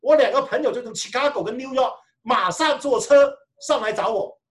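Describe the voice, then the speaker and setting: A man preaching a sermon and telling his own testimony with animated storytelling, often restarting his phrases. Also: extremely high pitch, moderate pace. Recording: echoey room, mic far off.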